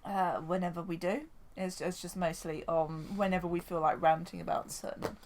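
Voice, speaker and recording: A woman's voice: lowish voice, flat delivery, normal speed, darkish tone, a little hiss or hum. Chatty woman hosting a fan podcast, eager and rambling. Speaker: podcast host. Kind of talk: casual chat.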